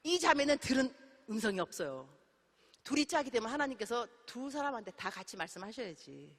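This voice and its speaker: Lively woman preaching in a reverberant church. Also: fairly high pitch, brisk. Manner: animated storytelling, acting out dialogue. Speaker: missionary preacher. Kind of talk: sermon. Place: church sanctuary. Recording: long hall reverb.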